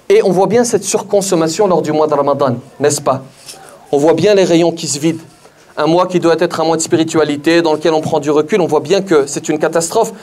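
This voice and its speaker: A man's voice: high-pitched, a little mellow. A man giving a religious conference lecture, speaking straight to the audience, repeating key phrases for emphasis, with hesitations and restarts. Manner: measured, with frequent hesitations and restarts.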